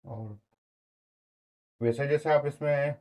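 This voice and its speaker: Guy with a hoarse throat walking you through a website tutorial, loose and chatty, keeps saying okay. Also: on the high side, slow, darkish tone, poor audio. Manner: rambling, peppers speech with fillers and constant "okay?" check-ins. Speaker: web design tutor. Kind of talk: casual screen-share tutorial.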